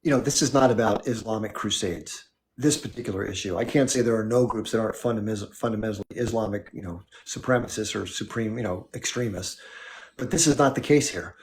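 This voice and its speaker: A man's voice: fairly low pitch, a little fast, a little hiss or hum. A man hosting a live stream, arguing in an emphatic way and firing off rhetorical questions. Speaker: livestream host. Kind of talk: heated political monologue.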